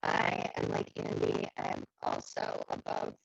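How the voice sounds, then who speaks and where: A woman's voice: rumbling low, completely flat delivery, measured pace, creaky, husky. Woman with a garbled underwater-sounding mic. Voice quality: grainy, crackling distortion. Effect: garbled, underwater-sounding broken microphone. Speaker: player in an online party game. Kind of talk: casual game chat. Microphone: faulty computer microphone on a video call. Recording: grainy lo-fi video call audio, heard from far off.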